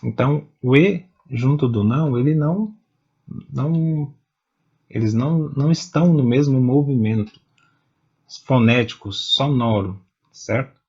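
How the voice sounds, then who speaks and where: A man teaches poetry at a very unhurried pace, breaking words into syllables one by one. His voice is a little husky and sits at an ordinary pitch. The recording sounds dull and lo-fi. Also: darkish tone. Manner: slow, patient, spelling out syllables one at a time. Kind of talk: explaining step by step.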